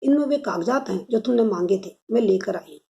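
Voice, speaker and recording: A woman voicing a kindly middle-aged aunt in a read-aloud story, asking gentle, worried questions. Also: mid-range voice, lively intonation, a little fast, vocal fry. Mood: concerned.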